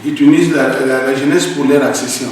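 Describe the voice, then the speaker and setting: A man's voice: medium pitch, fairly even intonation, quick pace, darkish tone. A man from Congo, answering interview questions earnestly and emphatically, often repeating words as he searches for them. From Congo (DRC). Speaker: guest. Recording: echoey roomy hall from a distance, faint noise.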